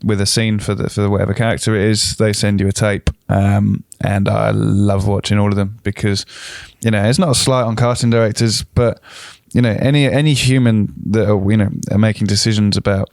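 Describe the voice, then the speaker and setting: A man's voice: lowish voice, steady tone, brisk, gravelly, hardly any pauses, darkish tone. A young man, a film director, talking casually on a podcast with lots of fillers and restarts. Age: young adult. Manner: rambling, many fillers and restarts.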